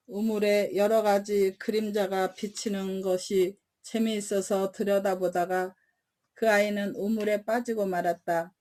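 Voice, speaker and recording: A woman reads bedtime stories aloud in a calm, even manner. Her voice is warm and mellow, pitched in a middling range, and the pacing suits a story read before sleep.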